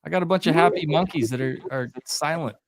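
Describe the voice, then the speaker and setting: A man's voice: a little high, fast talker, background noise. A man hosting a live stream, chatting casually and laughing at himself. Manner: laid-back, self-mocking, laughs often. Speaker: stream host.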